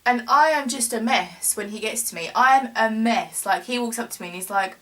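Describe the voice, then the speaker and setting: A woman's voice: on the high side, a little fast, pushed and bright. A young woman, recounting a story in a rambling vlog chat full of "like" and bursts of laughter. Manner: rambling, filler-heavy, laughs through the telling. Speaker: vlogger. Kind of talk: casual storytelling.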